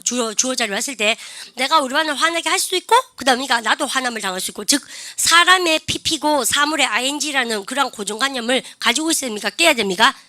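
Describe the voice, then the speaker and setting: Woman, middle-aged, chatty drill-style grammar teacher, crisp bright tone. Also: sits high, dry recording. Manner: drills the class, prompting "시작" and modelling slow English phrases; chatty, keeps asking "아시죠?" and "그죠?". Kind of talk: lively classroom grammar lecture.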